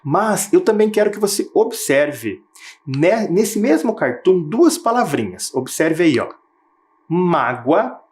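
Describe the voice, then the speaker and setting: Man, schoolteacher, video lesson for kids, slightly high voice, very animated pitch, drawn-out words, checking tag questions. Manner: slow, drawn-out spelling of example words. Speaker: primary school teacher. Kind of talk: recorded video lesson for children.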